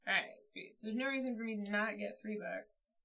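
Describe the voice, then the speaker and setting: A woman's voice: mid-range voice, a little fast, pushed and bright. A woman streaming a board game, chatting casually and thinking aloud as she plays.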